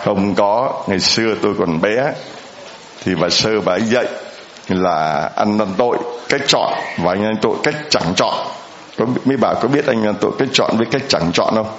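A man's voice: fairly low pitch, normal speed, a bit bright, lo-fi sound, a little hiss or hum. Man priest preaching in an echoey church. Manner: conversational, asks the congregation questions. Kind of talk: homily.

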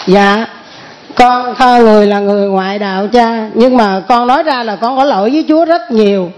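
A middle-aged woman with a slightly high voice gives a testimony in church. She speaks earnestly and keeps repeating and restarting her words as she tells her story. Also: moderate pace, a little mellow. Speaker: church member giving testimony. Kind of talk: emotional spoken testimony.

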